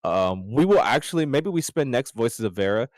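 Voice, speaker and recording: A man co-hosting a casual gaming podcast, rambling and excitable, his voice jumping up high when he jokes. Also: normal speed, no room sound, studio quality. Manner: excitable, rambling, jumps up in pitch when joking. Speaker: podcast co-host.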